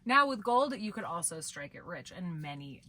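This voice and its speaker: A woman's voice: lowish voice, big pitch swings, moderate pace, bright, forceful tone. A woman giving a chatty, enthusiastic vlog tour, telling stories to viewers like a guide. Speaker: travel vlogger and former tour guide. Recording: background music under the voice. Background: music.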